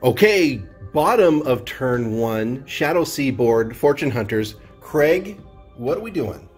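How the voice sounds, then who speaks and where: A man's voice: medium pitch, lively intonation, slow pace, soft background music. A man hosting a tabletop wargame session, chatting casually in an upbeat, jokey way. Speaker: game host. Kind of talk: casual tabletop game commentary.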